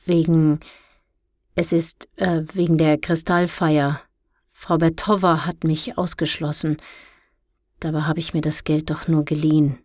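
A woman's voice: deep voice, little pitch movement, unhurried, a little mellow, no room sound, clean studio sound. A woman reading a storybook, voicing a timid young boy who stammers and mumbles. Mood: unsure.

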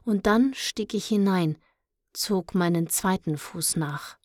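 A woman reading a children's story aloud in the first person, in a calm and measured way. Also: mid-range voice, no room sound, studio quality. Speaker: audiobook reader.

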